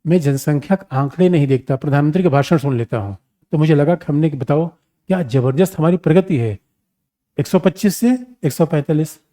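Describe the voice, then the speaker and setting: This exam-prep lecture on international relations comes from a man whose warm voice is fairly high and a little fast. His manner is relaxed and lively, and he refers to the students as "my children" while tossing out rhetorical questions.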